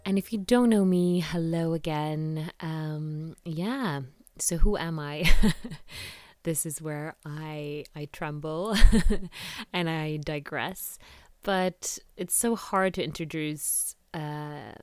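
Low-voiced Norwegian woman hosting a podcast. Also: takes it slowly, a little mellow, smooth, no room sound. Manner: chatty and rambling, with many fillers and light laughs. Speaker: podcast host. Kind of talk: casual solo podcast chat.

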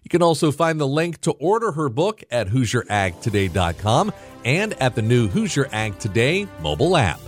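A man's voice: mid-range voice, sing-song, moderate pace, soft background music. A man reading scripted news narration as a farm radio reporter.

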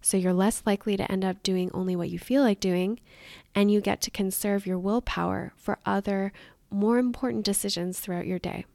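A woman's voice: medium pitch, fairly even intonation, normal speed, creaky, darkish tone, no room sound. A woman hosting a motivational podcast as a weight loss coach, talking in an upbeat, encouraging way. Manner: upbeat and encouraging, with light laughs.

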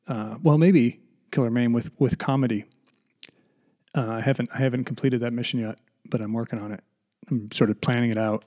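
Male podcast host, mid-pitched, winded, rambling and self-deprecating, solo home recording. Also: warm tone. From United States. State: out of breath. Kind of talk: casual solo podcast monologue. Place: home basement studio.

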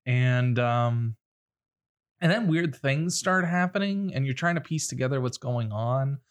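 Male podcast co-host, middle pitch, laid-back and wry, filler-heavy. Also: lively intonation, unhurried, clear, resonant tone. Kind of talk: casual chat.

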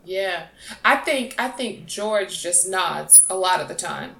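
A woman's voice: fairly low pitch, animated, takes it slowly, vocal fry, pushed and bright. Wry New York woman co-hosting. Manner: wry, teasing, plays moderator. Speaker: podcast co-host. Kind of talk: casual chat.

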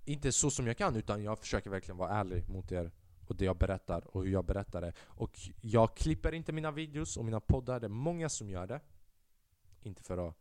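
A man hosting a solo podcast, telling a stand-up story in a casual, profane and animated way and acting out the voices he quotes. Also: lowish voice, dry recording, studio quality. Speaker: podcast host and stand-up comedian.

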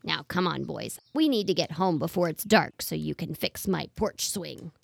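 A woman voicing a bossy old pond grandmother in a storybook, her voice gravelly and low. She scolds gruffly with a doting edge, in a dry close recording. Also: expressive, moderate pace, no room sound, heavily acted.

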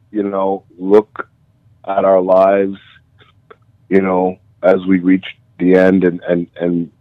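A man's voice: sits low, mellow, no room sound. A man reflecting on a late friend's legacy on a call, hesitant with many fillers. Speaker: friend sharing memories on a call. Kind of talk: casual conversation. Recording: muffled lo-fi call audio.

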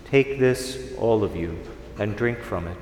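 A male priest with a lowish, slightly mellow voice solemnly recites liturgical prayer in measured, formal phrasing. Long cathedral reverb rings through the large church, with faint noise behind him.

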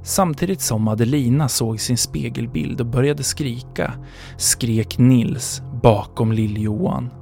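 A man hosting a podcast, narrating a story in a measured dramatic manner. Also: mid-range voice, vocal fry, warm tone, soft background music.

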